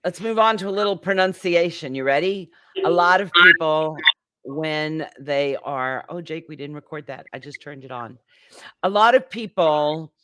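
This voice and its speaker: A woman's voice: sits low, fairly bright tone, clear, resonant tone. A woman teaching English pronunciation in a class, drawing out each example word as she demonstrates it. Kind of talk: live online class instruction.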